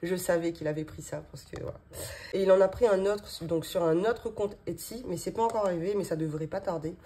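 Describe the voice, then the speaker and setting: A budgeting vlogger in her thirties has a lowish, brisk, mellow voice. Sitting at her home office desk indoors, she casually unboxes and shows her budgeting binders, with many fillers and small laughs.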